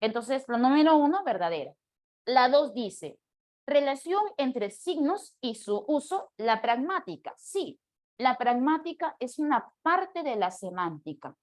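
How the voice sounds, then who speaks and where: A woman's voice: a little high, darkish tone. A woman language teacher going over quiz answers with her class, explaining each one patiently and often checking in with short questions to the students.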